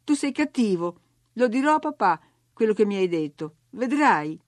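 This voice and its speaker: A woman's voice: medium pitch, sing-song, normal speed, dry recording, studio quality, lightly acted. A woman voicing a spoiled, imperious young girl who gives orders and grows indignant, in a storybook reading. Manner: bossy, indignant, whiny.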